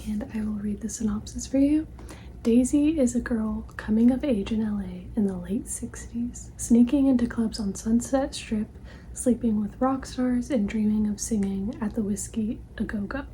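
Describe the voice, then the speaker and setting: A woman in an ASMR ASMR role-play, playing a polite, helpful librarian in a soft, breathy library soft voice with a gentle, attentive manner. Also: fairly high pitch, moderate pace, slight background noise, close to an everyday voice, rough recording. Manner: gentle, hushed, attentive customer-service talk. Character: helpful, polite female librarian recommending books to a customer.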